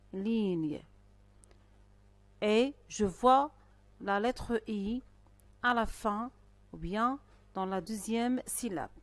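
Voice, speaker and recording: Woman teacher for a primary school lesson, higher voice, very slow and careful, dry close sound. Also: no echo. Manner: slow, careful dictation-style delivery with pauses. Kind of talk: recorded online lesson.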